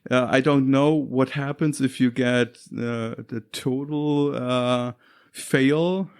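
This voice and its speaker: Slow, hesitant German-accented man. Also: medium pitch, steady tone, darkish tone, clear, resonant tone. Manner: hesitant, many fillers, searches for words. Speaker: podcast guest. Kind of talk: casual chat.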